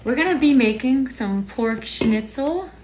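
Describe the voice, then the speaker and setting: A woman's voice: sits high, animated, a little slow, reverberant, background noise. A young woman co-hosting a comedy cooking show, tipsy and brash, chatting casually in a home kitchen. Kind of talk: drunk casual banter.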